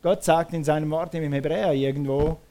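Emphatic preacher, fairly high voice. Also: male voice, fairly even intonation, a little fast, dark tone. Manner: emphatic, repeats phrases, calls for responses. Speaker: pastor. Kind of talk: sermon.

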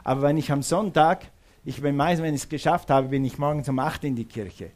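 A man's voice: on the high side, a little fast, a little mellow. Emphatic male preacher. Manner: emphatic, repeating questions to the listeners. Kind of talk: sermon.

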